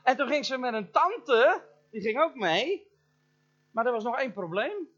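Middle-aged male preacher, animated storyteller who addresses the congregation and mimics sounds, dull lo-fi church recording. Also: very high-pitched, moderate pace. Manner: imitates sounds and voices in his story. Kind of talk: storytelling sermon.

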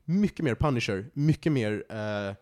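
A man co-hosting a casual podcast chat about films, opinionated and given to quick bursts and restarts. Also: medium pitch, lively intonation, a little mellow. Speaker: podcast co-host.

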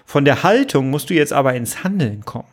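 A man's voice: mid-range voice, sing-song, fairly quick. A man hosting a motivational podcast, talking earnestly and coaching the listener directly. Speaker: podcast host.

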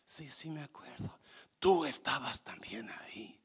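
A man doing a gentle old wife soothing softly. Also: medium pitch, animated, unhurried, breathy edge, whispered, full character voice. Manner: soft, soothing murmur. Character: patient old wife at deathbed, tender.

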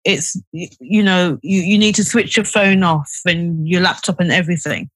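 A woman's voice: lowish voice, normal speed, breathy edge, dry recording, poor audio. Podcast guest: woman psychiatrist, chatty explainer, restarts often, dry close sound. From United Kingdom. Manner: explanatory, many fillers and restarts. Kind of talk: podcast interview.

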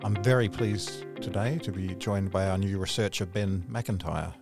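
Low-voiced man hosting a podcast. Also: normal speed, gravelly, loud music behind the voice. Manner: friendly, leads with questions and summaries. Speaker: podcast host. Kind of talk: podcast interview.

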